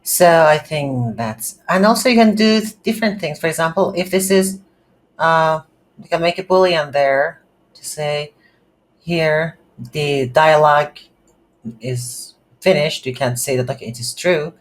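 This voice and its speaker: In short, halting phrases, a game development tutorial instructor thinks aloud while narrating a screen recording unscripted and slowly. The voice is medium-pitched, and faint background noise is present.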